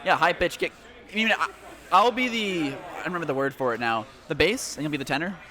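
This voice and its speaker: Man, esports co-caster, bright, animated pitch, teasing, laughs a lot. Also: a little fast. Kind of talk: casual esports desk banter. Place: studio caster desk.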